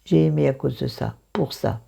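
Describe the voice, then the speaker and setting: Low, croaky woman with vocal fry. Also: normal speed, mellow. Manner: self-mocking, digressive, thinking aloud. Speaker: book review vlogger. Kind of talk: casual, rambling book review chat.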